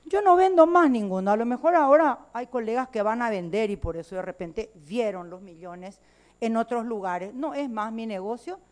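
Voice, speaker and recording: A woman's voice: fairly high pitch, lively intonation, normal speed, a little mellow. A woman legislator with a Paraguayan Spanish accent giving a combative, emphatic floor speech in a legislative chamber.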